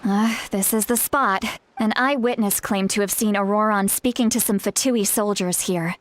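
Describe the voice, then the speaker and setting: An actress playing an earnest, caring woman guide in a fantasy video game, speaking in a measured, explanatory way. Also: medium pitch, close to an everyday voice. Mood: earnest, pleading. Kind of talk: scripted video game dialogue.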